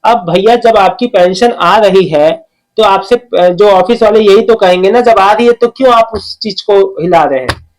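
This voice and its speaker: High-voiced man reassuring his viewers. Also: normal speed, poor audio. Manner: reassuring, repeats "okay" often, addresses viewers by name. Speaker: channel host answering viewer comments. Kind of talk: casual talk reading out and replying to comments.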